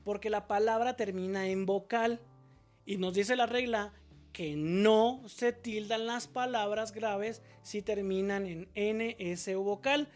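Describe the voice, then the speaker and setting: A woman's voice: medium pitch, slow pace, a little mellow, faint music behind. A woman teacher explaining a spelling lesson patiently, asking questions and answering them herself, and drawing out example words syllable by syllable.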